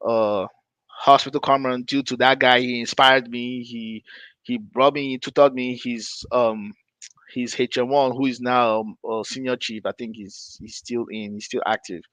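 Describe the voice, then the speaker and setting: A middle-aged Nigerian man hosts a podcast, telling his own story in a loose, rambling way, often correcting himself mid-sentence and laughing between points. His medium-pitched, fairly bright voice keeps a fairly even intonation at a measured pace. The recording is dry and rough.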